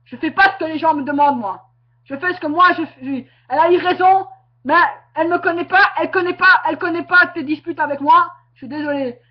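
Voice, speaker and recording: Woman, super high voice, angry webcam rant, keeps repeating herself and yelling, muffled audio. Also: brisk. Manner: confrontational, repetitive, bursts into shouting. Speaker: webcam vlogger. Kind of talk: angry direct-to-camera rant.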